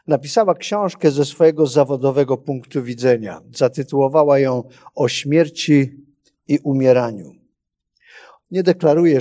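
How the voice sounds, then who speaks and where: A male preacher giving a sermon, reading scripture in a slow, measured way with pauses. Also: mid-range voice, mellow.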